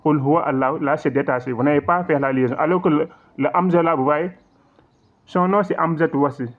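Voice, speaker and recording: Man teaching recitation over a tinny line. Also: on the high side. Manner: patient, repetitive explaining with frequent check-ins; slow drawn-out recitation in demonstrations. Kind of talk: online lesson explaining recitation rules. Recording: tinny phone-like audio.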